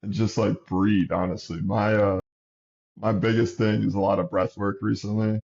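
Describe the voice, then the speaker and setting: A basketball coach in his thirties chats casually as an interview guest, relaxed and rambling with many restarts, sniffling now and then. His voice is lowish with vocal fry at a normal speed, and the audio sounds dull.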